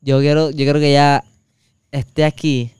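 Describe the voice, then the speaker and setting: A man's voice: on the high side, little pitch movement, moderate pace, darkish tone, smooth. Resonant-voiced Puerto Rican man rambling. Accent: Puerto Rican Spanish. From Puerto Rico. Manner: rambling anecdotes with many fillers and crude slang. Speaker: podcast co-host. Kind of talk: casual chat, storytelling.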